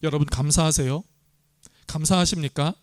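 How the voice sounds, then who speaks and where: A man's voice: a little high, moderate pace, dry recording, studio quality. A man pastor preaching a sermon earnestly, often asking the congregation questions.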